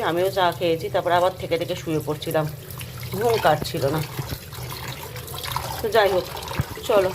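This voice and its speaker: A woman, a mother, chatting casually in a home vlog, talking quietly while holding her phone in one hand. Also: fairly low pitch. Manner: speaks softly at night so as not to wake family. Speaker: vlogger, mother of two daughters. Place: home, bedroom and kitchen. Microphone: handheld phone. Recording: echoey room with noise.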